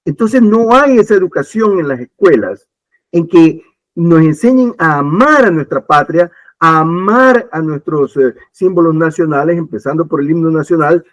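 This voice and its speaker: A man's voice: on the high side, animated, moderate pace, dry recording, rough recording. A man from Ecuador, emphatically giving his political opinions in a talk-show discussion, often restarting and repeating his points. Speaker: political commentator.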